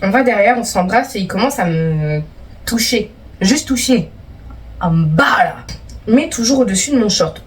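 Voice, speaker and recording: A woman's voice: medium pitch, lively intonation, unhurried, far from the mic. A young woman vlogger reading out viewer stories and teasing them in casual, playful chat.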